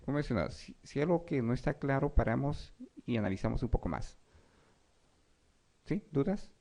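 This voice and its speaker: A man's voice: mid-range voice, lively intonation, normal speed, mellow. A man giving an exam review lecture, reading questions and explaining them, often checking in with his students. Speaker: medical lecturer.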